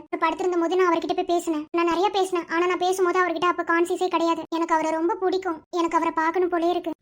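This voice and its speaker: A performer voicing an earnest young girl in a cartoon, pleading and tearful. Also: very high-pitched. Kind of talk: animated cartoon voice acting.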